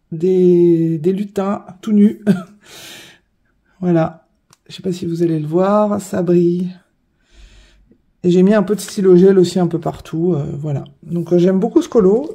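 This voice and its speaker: A coloring hobby vlogger shows off her finished coloring pages in a casual show-and-tell. Her voice sits lowish, warm and husky, and she comes across hesitant, full of fillers and self-corrections.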